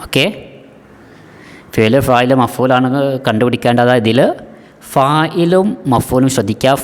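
A man's voice: medium pitch, in a large hall. A man teaching an exam-prep lesson, patiently repeating key terms and asking students if they follow.

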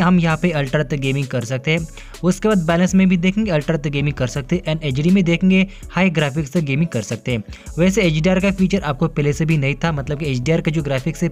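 Over hands-on phone footage, a male tech reviewer gives an upbeat off-camera feature walkthrough in Hindi peppered with English words. His voice is fairly high and a little mellow, and he keeps repeating filler phrases.

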